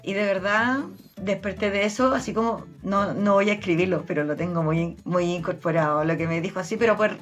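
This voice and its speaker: A woman with a Chilean accent, a therapist and medium, recounting her experiences as an interview guest with earnest, animated storytelling. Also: medium pitch, brisk, lo-fi sound, faint music behind. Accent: Chilean Spanish. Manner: earnest, animated retelling with many restarts.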